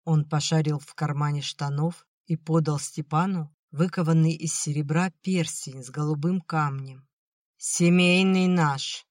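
An audiobook narrator reading a novel in a measured, plain manner. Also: medium pitch, fairly even intonation, darkish tone, dry recording, studio quality. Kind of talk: scripted narration.

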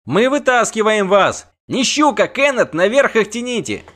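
A man voicing a frantic male bard who yells for a rope from above, shrill and panicky. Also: very animated, normal speed. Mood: frantic shouting.

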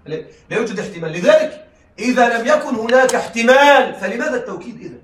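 Male lecturer, rapid and high-voiced, keeps asking the class if they follow; roomy sound from a mic set back. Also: expressive, a bit bright, a little hiss or hum. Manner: checks in with the class, frequent laughing asides. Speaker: teacher. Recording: echoey room, mic at a distance.

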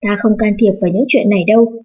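A woman voicing an old, lame Taoist nun who scorns the family with mocking calm, in a storybook reading. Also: mid-range voice, fast, husky, highs cut off, natural voice. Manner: scornful, laughing at others.

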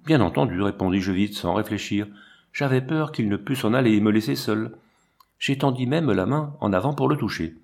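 A man reading a literary novel aloud as an audiobook narrator, in a calm, measured way. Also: medium pitch. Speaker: audiobook reader.

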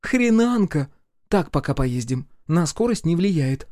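A man's voice: fairly high pitch, very animated, a little slow, darkish tone, no echo, clean studio sound, voice pushed up. A man reading an audiobook, voicing a brash, carefree young woman who haggles hard. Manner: curt, carefree. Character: brash young woman, tough bargaining survivor.

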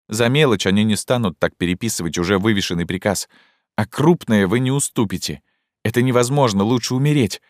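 A man's voice: lowish voice, no echo, clean studio sound, voice pushed up, lightly acted. A man voicing an impulsive, lovesick young woman. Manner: pleading, intense, breathless questioning. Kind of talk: audiobook character voicing.

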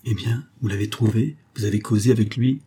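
Impatient, dramatic society mother, voiced by a male reader, husky low tone, audiobook. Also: steady tone, brisk, warm tone. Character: anxious scheming society mother, middle-aged woman.

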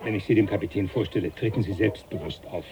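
An actor playing a jovial, teasing professor who laughs often, in a radio play. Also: male voice, deep voice, fast, background noise. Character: jovial older male professor, mocking. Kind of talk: 1980s radio play acting.

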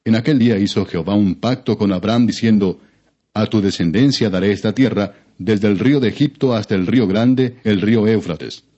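Low, mellow male scripture narrator. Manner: measured, formal. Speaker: audiobook narrator. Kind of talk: solemn scripted scripture reading. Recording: dull, lo-fi audio.

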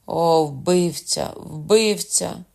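A man reading an audiobook voices a wounded young nobleman, faint and straining, with a gravelly voice. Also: fairly high pitch, fairly even intonation, unhurried. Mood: desperate. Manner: faint, strained whisper then fervent.

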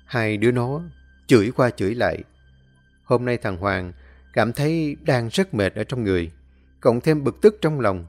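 A man narrating a dramatic story. His delivery is expressive and lively, with a wide swing in pitch, and soft music plays behind him. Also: a little slow. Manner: expressive, acting out scenes.

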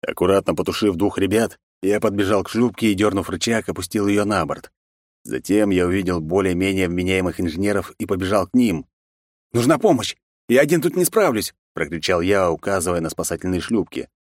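Low-voiced man narrating an audiobook, dry. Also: fairly even intonation, brisk, no echo. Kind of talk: first-person audiobook narration.

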